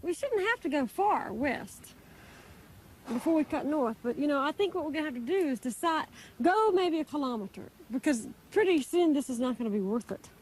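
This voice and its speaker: A woman's voice: high-pitched, expressive, normal speed, slight background noise, rough recording. A woman talking casually and unscripted with a companion.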